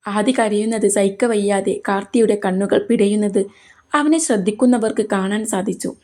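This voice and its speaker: Brief: female storyteller, steady serial narration, mellow tone. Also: mid-range voice, moderate pace. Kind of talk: reading a serial romance story aloud.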